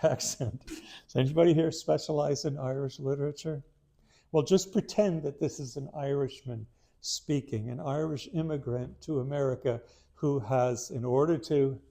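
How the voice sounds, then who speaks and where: A man's voice: fairly high pitch, dark tone. A man giving a literature lecture to a small live audience, talking in a conversational, self-deprecating way with frequent restarts. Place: room in a historic house with a live audience.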